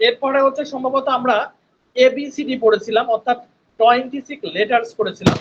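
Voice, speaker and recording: A man's voice: very high-pitched, fairly even intonation, lo-fi sound. A man teaching an online spoken English class, patient and repetitive, often checking in with his students. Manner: patient, repeats sounds slowly, checks in with "right?". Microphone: headphones on a video call.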